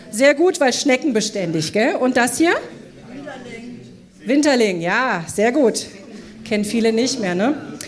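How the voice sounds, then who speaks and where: A woman with a lilt delivers a sermon to a church congregation. She talks in an engaging way and keeps asking the listeners questions so they answer aloud. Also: fairly high pitch. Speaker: preacher. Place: church service.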